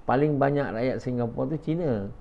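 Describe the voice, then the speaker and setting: A man's voice: mid-range voice, brisk, vocal fry. A man giving an after-dawn religious lecture, often asking the audience questions and dropping in short "ha" interjections. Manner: peppers speech with short "ha" interjections. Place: a house in a residential area. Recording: dull lo-fi recording.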